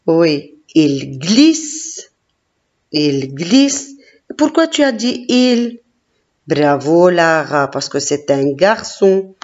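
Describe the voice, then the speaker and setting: Slow, encouraging woman teacher. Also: low voice, very animated, darkish tone. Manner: slow, encouraging, sounding out syllables. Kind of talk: classroom phonics lesson. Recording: dull lo-fi recording.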